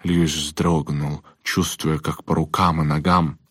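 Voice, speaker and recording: A man narrating an audiobook chapter in a measured, steady storytelling manner. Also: rumbling low, no room sound, clean studio sound. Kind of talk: scripted narration.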